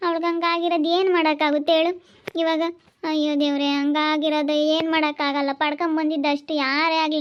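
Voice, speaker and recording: A woman's voice: high-pitched, lo-fi sound, natural voice. A woman with a rural Chitradurga Kannada accent playing an older village mother who coaxes and soothes with repeated pleas in a village family drama. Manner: coaxing, repetitive soothing.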